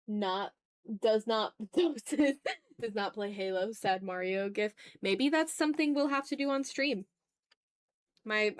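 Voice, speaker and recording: Chatting casually while she draws on a livestream, this Southern US streamer is self-deprecating and playfully exasperated. Her voice has a fairly high pitch, and the recording is dry.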